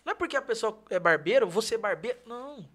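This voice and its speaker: High-voiced podcast host. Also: male voice, lively intonation, fast talker, pushed and bright. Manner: emphatic, preachy, tag questions. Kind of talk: casual podcast conversation.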